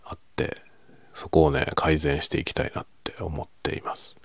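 A man chatting casually and quietly, as if late at night, in a soft, low-volume voice that sometimes drops toward a whisper. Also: little pitch movement, moderate pace, dry recording. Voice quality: low, gravelly, husky. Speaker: video creator and host.

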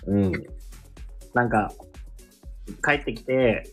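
A man's voice: mid-range voice, slow, husky, soft background music. A man chatting casually on a podcast over an online call, plainly shrugging off requests. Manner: matter-of-fact, shrugs off requests. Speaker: podcast co-host. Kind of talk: casual chat.

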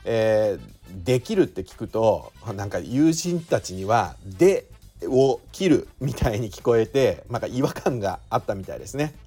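A man's voice: fairly low pitch, very animated, normal speed, warm tone, husky, soft background music. A man with a Shizuoka accent hosting a solo podcast in a chatty way, often drawing out filler sounds. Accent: Shizuoka Japanese. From Shizuoka, Japan. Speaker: podcast host.

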